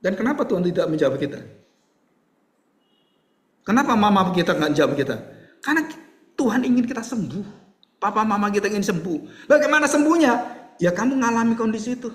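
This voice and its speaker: A man's voice: brisk, long pauses, reverberant. A male pastor preaching a sermon, telling stories animatedly and acting out their voices, then leading a prayer. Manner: animated storytelling, acts out voices with high pitch.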